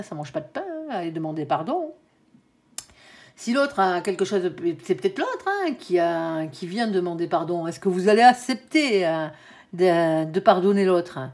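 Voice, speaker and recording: A woman's voice: fairly low pitch, a little mellow. A woman giving a tarot reading to viewers, chatty and reassuring, with frequent "hein" tags and the odd stumble over her words. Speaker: tarot card reader.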